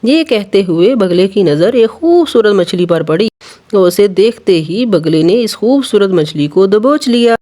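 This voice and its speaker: A children's storyteller narrating a bedtime animal tale. The delivery is steady and expressive, at an ordinary pitch. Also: unhurried.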